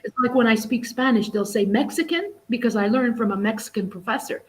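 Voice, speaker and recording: Her voice sits a little high, animated and fairly quick. She's a middle-aged English teacher and exam prep tutor appearing as a guest on a live stream over video call, talking casually, restarting often and leaning on "you know."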